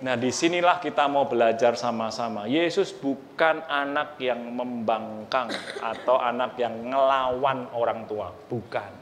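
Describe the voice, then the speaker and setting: A man with a Surabaya Javanese-inflected accent preaching a sermon, telling a story with acted-out dialogue and questions to the congregation. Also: medium pitch. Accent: Surabaya Javanese-inflected Indonesian. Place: large church hall. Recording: long reverb of a large hall.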